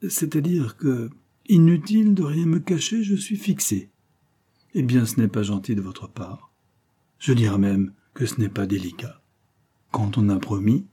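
A man's voice: medium pitch, unhurried, warm tone, slightly rough. A man reading an audiobook, voicing a scheming, seductive adventuress who coaxes and wheedles. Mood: coaxing. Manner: coaxing, wheedling.

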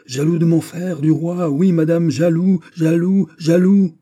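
A man's voice: normal speed, dark tone, lightly acted. A man voicing a jealous whining young prince. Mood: jealous, shrill. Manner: whining, sulky, rising to shrill outbursts.

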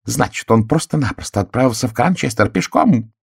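A bossy, know-it-all sister of middle age who scolds and insists on her theories, as a male audiobook narrator puts her on. The voice is pushed well above his own low register and keeps a gravelly, husky edge. It is a storybook reading in a dry, close room. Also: animated, brisk, dry recording. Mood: insistent.

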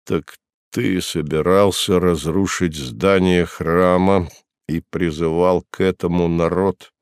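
A man's voice: low voice, takes it slowly, clear, resonant tone, no echo, clean studio sound. A man reading an audiobook and voicing a weary, ailing male Roman procurator who questions coldly in a dull voice. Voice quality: dull, flat voice. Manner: quiet, cold interrogation.

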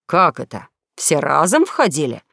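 A woman lowers her voice into a sly con-man duke with a sneering, sardonic edge. He needles and mocks, a storybook rogue heard close and dry. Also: huge pitch swings, measured pace, vocal fry, a bit bright, no room sound, exaggerated voice. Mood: probing. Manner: mocking, sardonic.

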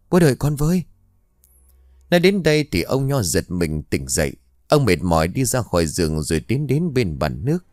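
A man narrating a ghost story in a steady storytelling manner. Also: low-pitched, no echo, clean studio sound. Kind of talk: scripted horror narration.

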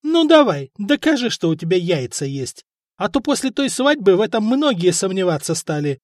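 A man's voice: very animated, moderate pace, dry recording, clean studio sound. A man voicing a spiteful, scheming middle-aged wife of a chieftain who scolds and mocks her husband. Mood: mocking. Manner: shrill, scolding, mocking. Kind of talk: audiobook character voice.

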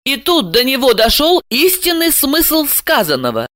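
Woman, audiobook narrator, lively storytelling, fairly high, dry close sound. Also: unhurried, dry recording. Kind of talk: scripted narration.

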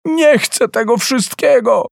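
Man doing a high-voiced tender boy. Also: very animated, unhurried, no room sound, studio quality, full character voice. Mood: defiant. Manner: high, ringing calls. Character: young boy, tender-hearted and pleading.

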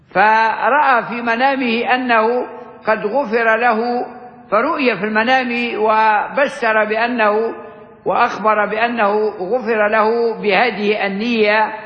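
A man with a high voice gives a measured religious lesson, pausing to explain words and phrases. He sounds far off in a large room with long reverb. The recording is dull and lo-fi. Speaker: sheikh teaching a classical text. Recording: echoey hall, dull lo-fi sound.

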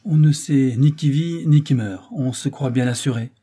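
A man's voice: medium pitch, moderate pace, warm tone, breathy edge, voice pushed up, lightly acted. A man voicing an obsequious, gossipy election agent with a fawning, mock-philosophical manner in an audiobook reading.

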